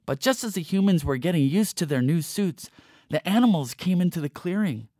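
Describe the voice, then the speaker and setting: Male narrator for a playful fable, expressive and lively, bright-ish voice, dry close read. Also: high-pitched, fairly quick, dry recording. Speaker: storyteller. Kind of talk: storybook narration.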